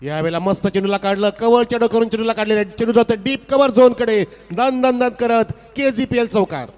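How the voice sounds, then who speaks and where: Man, cricket commentator, over a PA system, high voice, long loudspeaker echo, formal flowery calling. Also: a little fast. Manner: formal, flowery announcer delivery that rises sharply on big shots. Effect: heard over a PA system. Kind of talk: live local cricket commentary. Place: outdoor cricket ground.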